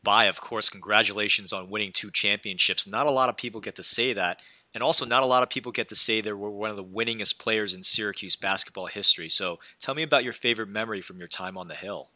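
Fast, bright-voiced male podcast host. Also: on the low side, no room sound. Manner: polished, reads prepared questions. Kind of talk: scripted interview questions.

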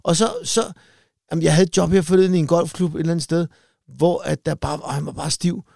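A man's voice: a little high, fairly even intonation, gravelly, darkish tone, no echo, clean studio sound. A man co-hosting a comedy podcast, chatting casually and acting out quoted voices in his anecdotes. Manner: acts out quoted voices in storytelling.

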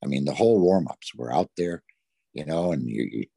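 A man's voice: rumbling low, expressive, a little fast, creaky, warm tone, dry recording. A middle-aged man, a former hockey player from the Detroit area, tells long rambling stories in an interview, full of "you know". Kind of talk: storytelling in an interview.

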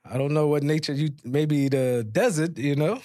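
A man's voice: on the high side, normal speed, mellow, clean studio sound. A man hosting a casual podcast chat, echoing short affirmations and sprinkling his English with Arabic religious phrases. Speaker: podcast host, former rapper.

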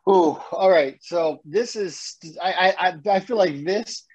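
A man's voice: sits high, measured pace, breathy edge, dull audio. A man co-hosting a casual sports podcast, ranting with energy and the odd curse. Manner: animated, swears, rants. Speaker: podcast co-host.

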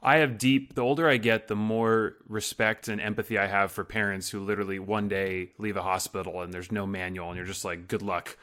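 A man's voice: on the low side, level tone, brisk, hardly any pauses, a bit bright. A man in his thirties hosting a podcast, asking long, rambling questions full of fillers. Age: 30s. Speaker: podcast host. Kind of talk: casual podcast interview.

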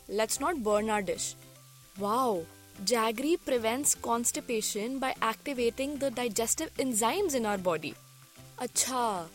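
A high-pitched woman with a North Indian accent co-hosts a cooking show. Her talk is scripted yet casual and expressive, flipping between Hindi and English, with light music underneath. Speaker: co-host of a cooking podcast.

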